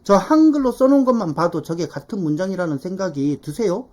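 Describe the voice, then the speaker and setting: Animated and with a lowish, darkish voice, a woman explains English pronunciation step by step in an online class. She poses rhetorical questions to check in and repeats drill phrases slowly.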